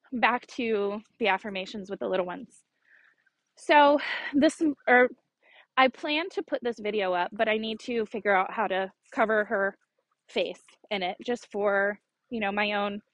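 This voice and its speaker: A woman's voice: mid-range voice, a little slow, no room sound, rough recording. A woman in her thirties hosting a solo podcast in a chatty, earnest and encouraging way, with small laughs. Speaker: podcast host. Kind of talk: casual solo podcast talk.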